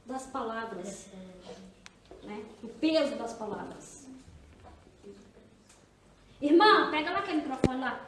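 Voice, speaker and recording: A woman's voice: sits high, fairly bright tone, slight background noise. A Brazilian woman pastor leading a women's church seminar, chatty and teasing, often asking her listeners questions. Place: church hall. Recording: echoey hall, distant mic.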